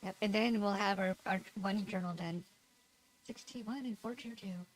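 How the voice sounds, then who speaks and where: During casual gameplay chat on a livestream, a woman talks in a nasal voice of medium pitch at a moderate pace, rambling and laughing at herself in a self-deprecating way. Slight background noise accompanies a rough recording.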